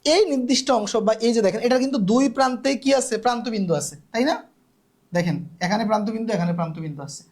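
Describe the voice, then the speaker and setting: A woman's voice: fairly high pitch, fast talker, darkish tone. A woman teaching a live online math class, patiently repeating key terms and checking that students understand.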